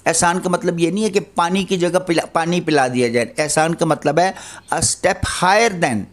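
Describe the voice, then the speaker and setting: An older man giving an earnest religious lecture, admonishing his listeners and posing rhetorical questions. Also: fairly high pitch. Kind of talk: Islamic lecture on parenting.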